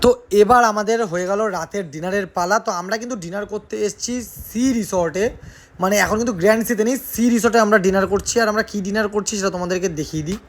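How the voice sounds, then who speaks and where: A man's voice: high-pitched, rapid-fire, rough recording. A man talking casually to his viewers as he films his trip around a seaside hotel and restaurant on a phone camera. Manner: chatty, addresses viewers directly. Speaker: travel vlogger. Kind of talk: casual travel vlog.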